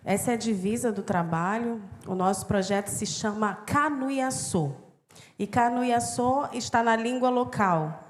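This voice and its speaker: A woman's voice: a little high, unhurried. A woman with a Brazilian accent, a missionary and interpreter, speaking to a congregation in short phrases.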